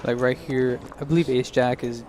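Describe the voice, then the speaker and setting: A man's voice: mid-range voice, little pitch movement, normal speed, crowd noise. A man giving live poker commentary in a chatty way, thinking aloud as he reads the hands.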